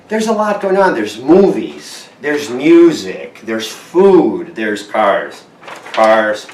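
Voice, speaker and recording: A Portuguese car vlogger speaks bluntly and swears freely in a casual monologue inside his house, standing before a green screen. His medium-pitched voice is reverberant and picked up by a distant mic, with a slight hiss or hum.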